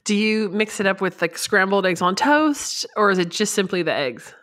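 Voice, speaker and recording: A woman's voice: mid-range voice, expressive, normal speed, fairly bright tone. A woman co-hosting a podcast, interviewing a guest in a friendly, curious way and laughing along. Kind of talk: casual interview.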